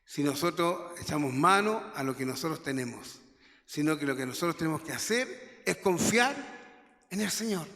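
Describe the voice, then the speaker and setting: A man's voice: a little high, pushed and bright. A man teaching a Bible lesson in church, reading verses aloud with small stumbles and checking in with rhetorical questions. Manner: reads scripture aloud with stumbles, asks the class rhetorical questions. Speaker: Sunday school teacher. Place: church hall. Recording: long hall reverb.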